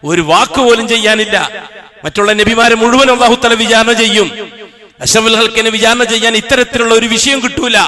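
A man's voice: high-pitched, pushed and bright. A male Islamic preacher giving a Friday sermon in an impassioned, rhythmic style, moving between recited Arabic verses and explanation.

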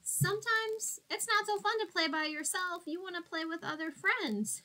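A woman in her twenties speaks with a very high, expressive voice, pushed and bright, at a moderate pace over slight background noise. As a teacher, she reads a storybook to small children in a small plain indoor room, using simple explanations and questions.

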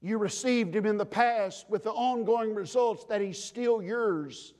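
A man preaching a sermon as pastor, emphatic, building to loud declarations and dropping low again. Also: a little slow. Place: church sanctuary. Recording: long reverb of a church sanctuary.

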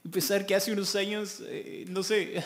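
An excitable man reacting to a song on his video channel. His voice sits a bit high, and he gushes with enthusiasm, laughing often as he talks. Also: normal speed. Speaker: music reaction youtuber. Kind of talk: excited music reaction commentary.

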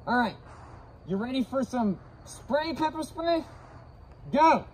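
High-voiced man talking through a gas mask. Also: lively intonation, takes it slowly, darkish tone, a little hiss or hum. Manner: brash, swearing, breathing deeply. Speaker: vlogger testing safety gear. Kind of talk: casual demonstration.

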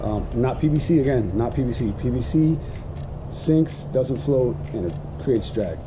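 A man's voice: medium pitch, moderate pace, background noise. Man reviewing kayak bait gear outdoors. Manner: relaxed, many "um" fillers, explains gear while holding it up. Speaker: kayak fishing vlogger. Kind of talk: casual product review. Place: outdoors in a grassy backyard.

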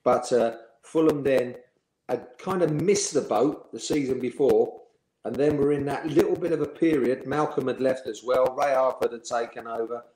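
A man, a former footballer telling lively anecdotes in an interview and chuckling as he goes. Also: mid-range voice, normal speed. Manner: lively storyteller, chuckling, acts out the people he quotes. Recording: echoey room.

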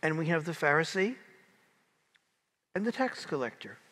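Older priest in cathedral echo. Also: male voice, fairly high pitch, big pitch swings, normal speed, a bit bright, slightly rough. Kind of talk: solemn scripture reading and homily. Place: large indoor church sanctuary. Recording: long church echo.

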